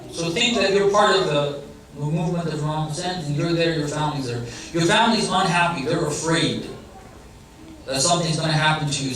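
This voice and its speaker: This is a religious lecture given conversationally by a man of Iranian heritage who often turns questions to the crowd. His pitch is fairly high with a slightly bright edge. He's heard from afar in a very echoey large hall or center.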